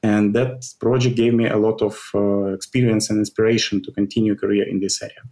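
A man answering podcast interview questions, pausing often with fillers and restarts. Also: lowish voice, little pitch movement, mellow. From Ukraine. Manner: halting, many fillers and restarts. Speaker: program director.

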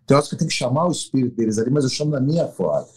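Fast-talking fight coach. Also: male voice, mid-range voice, lively intonation, darkish tone, slightly rough. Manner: emphatic, blunt, acts out quotes. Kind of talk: casual interview talk.

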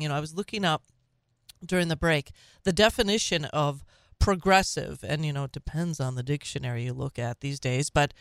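Minnesota accent lady doing talk radio, clear smooth voice, dry close sound. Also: deep voice, no echo. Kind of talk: conversational political talk.

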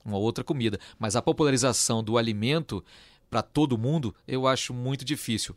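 A man hosting a news podcast, explaining in a measured way with frequent "é" fillers. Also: mid-range voice, no echo. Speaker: podcast host.

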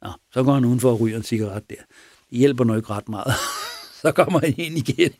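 A man casually retelling a true crime story, animated and chuckling as he goes, often checking in with his listener. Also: medium pitch, dry recording. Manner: chuckling, animated, asks for agreement.

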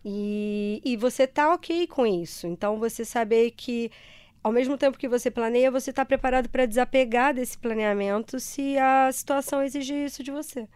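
A woman's voice: fairly high pitch, moderate pace, darkish tone, smooth, no room sound. A Brazilian woman with a carioca accent from Rio, answering conversationally as an interview guest in a reflective, explanatory way. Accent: Brazilian, Rio de Janeiro (carioca). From Ceará, Brazil.

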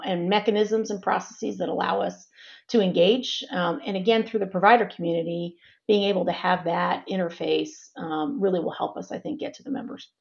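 A woman, a healthcare executive, giving measured interview answers with frequent restarts. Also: on the low side, creaky, dull audio.

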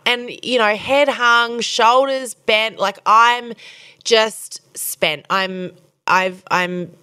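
Animated woman telling a story. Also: fairly high pitch, no echo, clean studio sound. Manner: animated storyteller, acting out quoted lines. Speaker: podcast host. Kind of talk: storytelling monologue.

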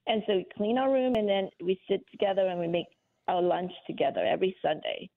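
A woman's voice: medium pitch, brisk. Woman from Malaysia on a phone line. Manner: eager, earnest storytelling. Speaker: guest, cookbook author. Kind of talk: interview answers.

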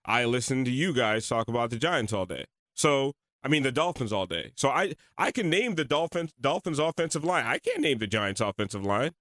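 A sports radio co-host with an ordinary mid-pitched voice. He talks casually and rambles, often restarting and repeating words. The studio sound is dry and close. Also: big pitch swings, fairly quick, hardly any pauses, a bit bright, dry recording. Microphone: studio microphone.

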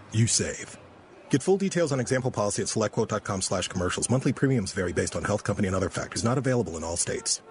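A man's voice: mid-range voice, background noise. A man announcing a scripted radio commercial in a salesy, direct manner.

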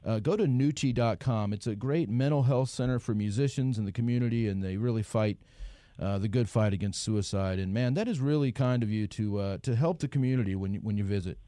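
A man's voice: lowish voice, brisk, mellow, dry recording. A man with a neutral American accent, speaking casually as a podcast co-host. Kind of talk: casual chat.

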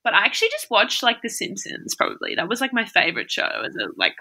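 A woman's voice: fairly high pitch, huge pitch swings, fast talker, bright, forceful tone. A young woman in casual chat, rambling and laughing often, with many fillers. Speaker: conversation partner.

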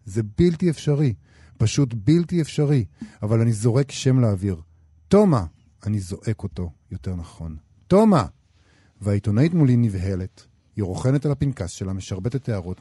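A man reading a novel excerpt aloud on a radio show, in a measured, expressive way. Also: mid-range voice, husky, dry recording, clean studio sound.

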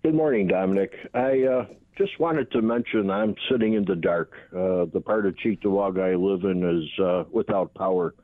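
A man calling in to a radio show, chatting casually in a halting way. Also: low voice, no room sound. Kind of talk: casual call-in chat. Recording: muffled phone line on radio.

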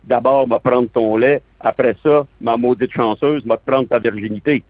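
Crude, eager Quebec stable hand as a man puts him on, Quebec French accent, slow swaggering delivery, dull lo-fi sound. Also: medium pitch, steady tone, heavy background noise, natural voice. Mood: boisterous.

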